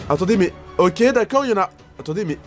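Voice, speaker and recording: A man reacting to videos as a YouTuber, giving excited commentary full of exclamations and gasps. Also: high voice, fast, faint music behind.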